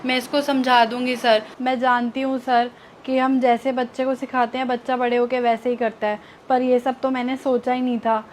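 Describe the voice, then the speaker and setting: A woman's voice: sits high, little pitch movement, normal speed, slight background noise, lightly acted. A woman acting as a snobbish mother who sneers at a poor girl, then pleads with a tutor, in a short drama skit. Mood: pleading. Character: snobbish scolding well-off mother.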